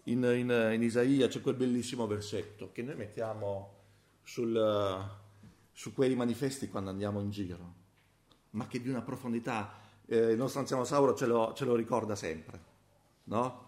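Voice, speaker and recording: A man preaching a sermon, dropping to soft murmurs and then rising to loud, slow, emphatic exhortation. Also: medium pitch, fairly even intonation. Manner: slow, emphatic delivery on scripture.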